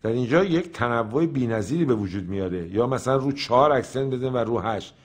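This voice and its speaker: A man's voice: mid-range voice, animated, husky. Older man counting and vocalizing rhythms. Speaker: music teacher. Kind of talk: lecture on Persian rhythm.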